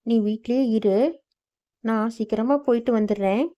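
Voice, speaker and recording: A woman's voice: fairly high pitch, steady tone, moderate pace, mellow, highs cut off, close to an everyday voice. A woman voicing a poor, weary mother who works as a housemaid, speaking earnestly and reassuringly.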